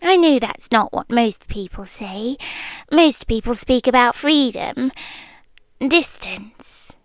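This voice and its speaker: A slightly high, animated British woman plays an intense, devoted nonhuman yandere girlfriend for ASMR, her soft, deliberate speech frequently becoming a breathy whisper. There is no room sound.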